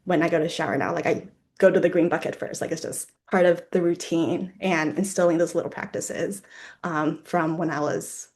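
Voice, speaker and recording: A young woman from Ohio, United States, speaks with an American accent, reflecting informally on personal experience as a panelist and often using "like" as a filler. Her voice is lowish and a little mellow, with a steady tone and a moderate pace.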